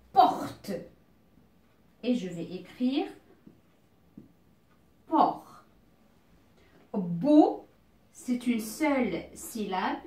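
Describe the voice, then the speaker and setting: A woman with a fairly high, lively voice teaches a beginner reading lesson at a very slow pace. She spells out sounds carefully and asks herself questions aloud before each step. The room around her is echoey. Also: distant mic. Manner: draws out words slowly and clearly.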